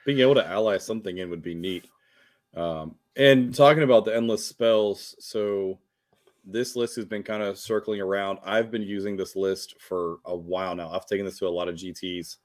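A man's voice: sits low, fairly even intonation, normal speed. A man co-hosting a casual gaming chat, easygoing and thinking aloud with some fillers. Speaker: co-host of a tabletop wargame talk show.

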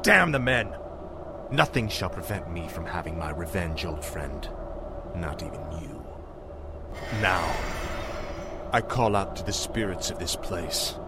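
An actor playing a proud, vengeful young warrior prince in a fantasy video game, commanding and intense. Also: male voice, fairly low pitch, sing-song, unhurried, gravelly, very noisy, exaggerated voice. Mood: furious. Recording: music behind the voice.

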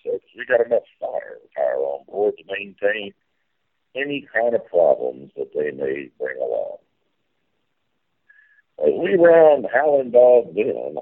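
A man's voice: low-pitched, vocal fry, breathy edge, phone-quality sound, exaggerated voice. A man playing a folksy, hearty riverboat captain in a theme park ride spiel, calling to crew and passengers. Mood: playfully wary. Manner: folksy, calls orders to crew.

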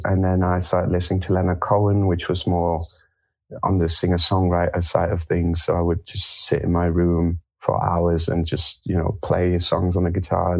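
A man's voice: sits low, creaky, darkish tone. A man from France, a singer-songwriter guest in an interview, answering thoughtfully with hesitant fillers.

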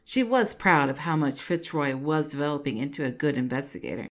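A woman narrating her own fan fiction story in an even, measured reading. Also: low voice.

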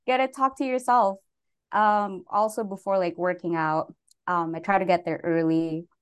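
A woman's voice: mid-range voice, normal speed, smooth. A young adult woman from the Philippines, a guest talking casually in an interview with many filler words. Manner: relaxed, lots of "like" fillers, laughs between phrases.

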